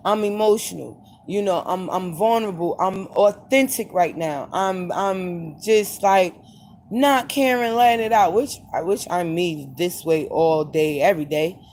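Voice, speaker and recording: A woman's voice: fairly low pitch, a little slow, a little mellow, slight background noise. Blunt, emphatic woman podcaster. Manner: blunt, emphatic, repeats herself for stress. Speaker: podcast host. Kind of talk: unfiltered late-night monologue.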